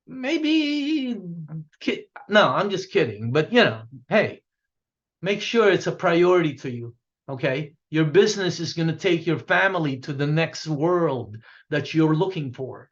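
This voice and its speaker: A business coach with a slightly high, animated voice delivers a punchy motivational talk to a sales team at a normal speed. He repeats himself and asks "okay?" after each point, and the sound is lo-fi.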